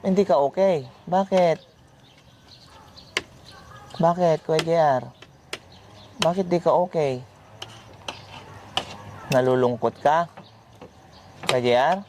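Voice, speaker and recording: A man hosting a vlog, gently asking question after question. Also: on the high side, slow pace, pauses often. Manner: gentle, repetitive coaxing questions. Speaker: vlogger host. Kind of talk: casual vlog chat, coaxing questions. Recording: noisy background.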